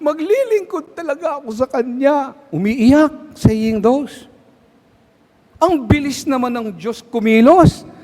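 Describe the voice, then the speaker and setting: Filipino male preacher, fairly high voice, slow and deliberate, hall reverb. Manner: switches between Tagalog and English, asks the crowd questions. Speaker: guest preacher. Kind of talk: sermon at a prayer meeting.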